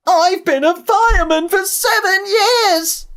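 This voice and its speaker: A man voicing a panicked railway fireman who yells a high, strained cry in a storybook tale. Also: takes it slowly, exaggerated voice. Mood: frantic. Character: panicked young male railway fireman, frantic.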